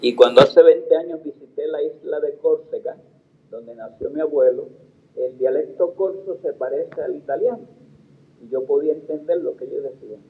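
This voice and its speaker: A man's voice: fairly high pitch, moderate pace, reverberant, narrow, tinny audio. A man in his eighties with a Puerto Rican Spanish accent, telling stories in a theatrical, declaiming manner, a retired theater teacher. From Puerto Rico. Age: 80s. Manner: theatrical, declaiming with expressive intonation. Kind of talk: anecdotal storytelling performance with recited poetry.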